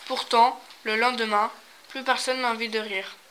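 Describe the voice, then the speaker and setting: A woman presenting a book summary in clear, measured scripted narration. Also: on the high side, steady tone, fairly bright tone, a little hiss or hum, low-quality recording.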